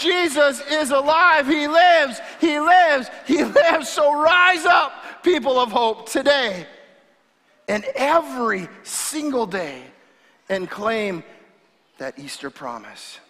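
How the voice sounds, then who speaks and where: Male preacher, fervent and fiery, high-pitched rallying sermon delivery, long reverb of a hall. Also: bright, forceful tone. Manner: fervent, fiery rallying oratory with emphatic repetition. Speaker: pastor preaching an Easter sermon.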